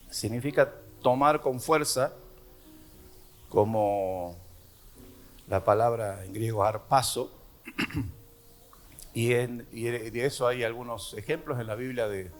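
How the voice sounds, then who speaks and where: A man from Argentina with an Argentine Spanish accent, preaching a sermon at an unhurried pace with fillers and repeated words. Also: lowish voice. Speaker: pastor.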